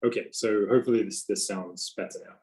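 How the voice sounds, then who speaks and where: A man gives a technical talk through a tablet on a video call. His voice is low-pitched, and he hesitates often, restarting phrases as he goes. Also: fairly even intonation, quick pace, darkish tone, poor audio. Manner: hesitant, many fillers and restarts. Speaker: invited speaker.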